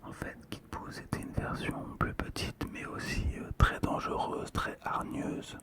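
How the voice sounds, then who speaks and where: In a soft, slow whisper, an ASMR host introduces collectibles and offers remarks about them. The hushed manner holds throughout.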